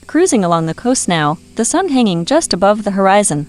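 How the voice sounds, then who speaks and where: A woman reading scripted video narration in a measured, poetic way, in short phrases. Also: medium pitch, sing-song.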